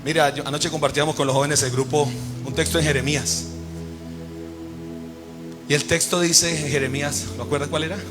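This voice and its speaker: A man preaching from the pulpit in a high, ringing voice, with clear music behind him. He keeps firing questions at the congregation and has them finish his sentences. He swings from loud emphasis to low, quiet asides. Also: steady tone, a little fast, pauses often. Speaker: pastor. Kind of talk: sermon. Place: church service.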